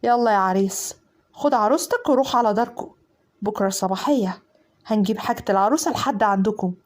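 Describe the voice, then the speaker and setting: A woman's voice: medium pitch, fast talker, voice pushed down, natural voice. A woman voicing a solemn wedding officiant. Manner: solemn, ceremonial blessing. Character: older male marriage officiant, solemn and formal.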